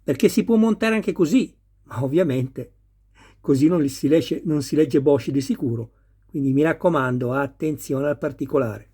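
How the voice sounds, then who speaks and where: A man with a fairly high, mellow voice and a breathy edge speaks at normal speed. He is a model kit builder patiently showing viewers each detail of assembling a scale model car in a practical tutorial.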